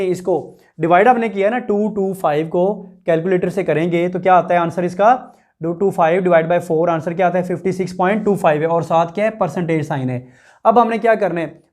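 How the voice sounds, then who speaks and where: Working through a math problem, a teacher explains every step, repeating the numbers and throwing rhetorical questions straight at his students. His voice is darkish in tone and sits high.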